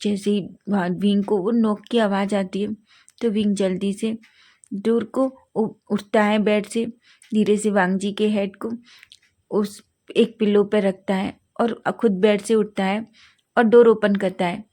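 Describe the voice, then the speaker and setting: A woman's voice: medium pitch, flat delivery, a little slow, dark tone. Woman reading out a fanfic love story, keeps tripping on words and fixing them. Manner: stumbles and corrects herself often. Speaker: fanfiction narrator.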